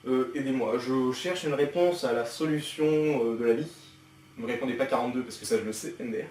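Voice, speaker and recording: A man's voice: medium pitch, darkish tone, slight background noise. A young man mocks another creator's video in teasing, sarcastic commentary. He sits a little away from the mic, so his voice carries a noticeable room echo. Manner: sarcastic, teasing, quick asides. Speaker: reaction youtuber. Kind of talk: mocking reaction commentary. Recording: echoey room, distant from the mic.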